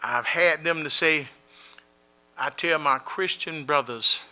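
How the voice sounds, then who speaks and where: A man's voice: a little high, slow, sharp tone. A man, an imam and jail chaplain, giving a talk full of folksy stories in casual speech, acting out the people he quotes.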